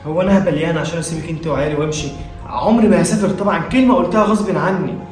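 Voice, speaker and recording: A man's voice: fairly high pitch, natural voice. A man playing a weary evasive father. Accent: Egyptian Arabic. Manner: fast, hesitant stammers. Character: troubled father, tired, evasive, tender with daughters. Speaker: actor. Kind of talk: scripted web family drama. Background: background music.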